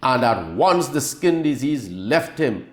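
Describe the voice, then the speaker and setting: A man's voice: medium pitch, big pitch swings, takes it slowly. A man preacher giving a daily devotional reflection on scripture, explaining it plainly and repeating phrases to drive points home.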